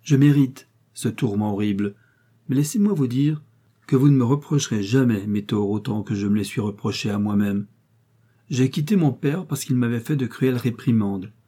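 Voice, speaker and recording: A man voicing a proud middle-aged gentleman who speaks in an earnest, self-reproaching way. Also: medium pitch, normal speed, slightly rough, close to an everyday voice. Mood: remorseful.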